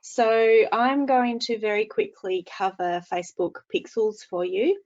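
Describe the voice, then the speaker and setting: A woman's voice: mid-range voice, darkish tone, highs cut off. Woman on a screen-recorded video call. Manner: brisk, casual, explaining. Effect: screen-recorded video call audio. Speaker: presenter. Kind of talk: webinar presentation. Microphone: computer mic, no headphones.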